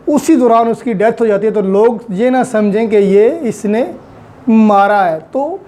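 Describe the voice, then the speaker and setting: A man from Pakistan with a high, warm voice gives an online law lecture. He patiently works through it step by step, using examples and English legal terms.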